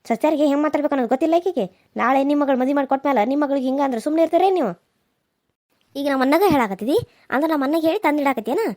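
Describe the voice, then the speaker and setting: A woman's voice: sits high, racing, a little mellow, lightly acted. A woman doing an indignant young village wife. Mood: complaining. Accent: North Karnataka Kannada. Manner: complaining, indignant.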